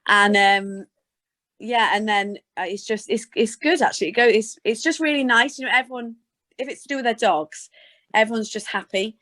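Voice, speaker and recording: In a fairly high, sharp-toned voice at normal speed, a British woman answers conversationally as a guest in a casual interview chat. She is a sports presenter from Scotland and Gloucestershire, England.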